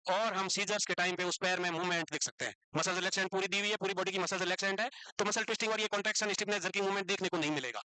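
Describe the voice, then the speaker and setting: A man teaching a psychiatry class in speech, dictating notes slowly and teasing students about writing them down. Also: high-pitched, steady tone, bright, forceful tone, clear, resonant tone, no room sound, poor audio.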